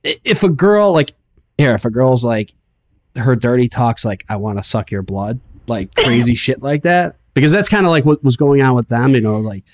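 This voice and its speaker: A man's voice: medium pitch, animated, moderate pace, dry recording. Casual, swearing male podcast co-host. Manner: loose, filler-heavy, with swearing. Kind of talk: casual chat.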